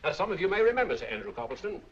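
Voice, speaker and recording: A man's voice: high voice, very animated, very fast. An actor playing a persuasive male auctioneer with a showy sales patter. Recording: dull old film soundtrack.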